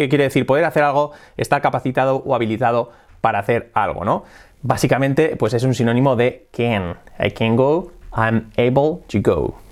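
Lively man teaching English. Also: medium pitch. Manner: explanatory, repeats examples slowly, lively intonation. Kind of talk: casual video lesson.

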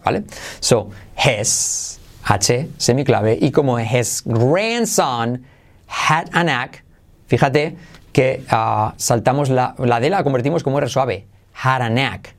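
A man's voice: mid-range voice, vocal fry. Man drilling English pronunciation. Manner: switches between Spanish explanation and slow drilled English phrases. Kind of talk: podcast pronunciation lesson.

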